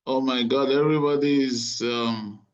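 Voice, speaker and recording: Over a dull, lo-fi video call, a man with a steady mid-range voice quizzes anaesthesia students at a normal pace. He keeps things encouraging, teases them, and gives out marks as they go.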